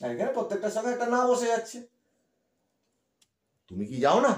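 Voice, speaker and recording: High, lively Bengali teacher in an echoey room. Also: male voice. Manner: questioning, repeats examples slowly. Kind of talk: grammar lesson.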